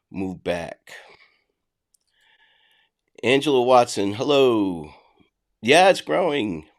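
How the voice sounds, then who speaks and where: A middle-aged man with a Boston accent and a medium-pitched, creaky voice hosts a casual livestream. He reads and answers chat bluntly and conversationally, frequently restarting his sentences.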